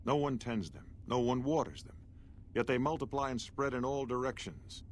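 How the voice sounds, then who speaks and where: In video game dialogue, a man voices a pompous, condescending male scientist who serves as director of operations, speaking formally with rhetorical diction and a smug air as he talks down to the listener. His voice is medium-pitched, moderately paced and close to an everyday voice. The game audio is noisy, with background ambience.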